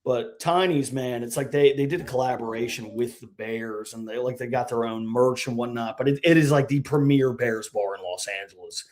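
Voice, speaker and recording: A young man co-hosting a sports podcast, telling stories in a casual, animated way and saying "dude" often. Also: mid-range voice, moderate pace, few pauses. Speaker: podcast co-host. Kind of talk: casual chat.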